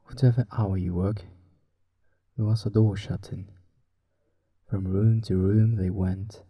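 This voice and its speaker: Through a muffled recording, a man with a Spanish accent, a native Spanish speaker, reads stories and talks gently to help listeners fall asleep. His husky, breathy voice is on the low side, and he keeps it hushed and slow, almost whispering.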